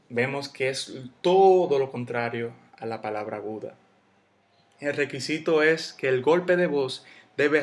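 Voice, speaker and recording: Slow, deliberate male spelling teacher. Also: mid-range voice. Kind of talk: spelling and grammar lesson.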